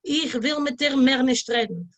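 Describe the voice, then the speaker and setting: A woman's voice: high-pitched, unhurried. A woman voicing an indignant, scolding man who feels cheated, in a read-aloud story. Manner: loud, indignant outbursts.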